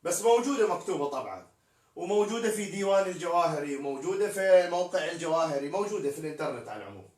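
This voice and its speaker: A man's voice: on the high side, animated, racing, darkish tone. Guy teaching poetry meter on a live stream, breaks words down letter by letter, roomy echo. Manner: explanatory, spells out syllables letter by letter. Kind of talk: live-streamed prosody lesson. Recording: echoey room, distant mic.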